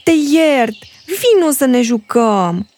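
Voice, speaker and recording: A woman's voice: high voice, very animated, darkish tone, voice pushed up. Woman doing a little bear cub calling out. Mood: pleading. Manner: slow, drawn-out calling. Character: small upset bear cub.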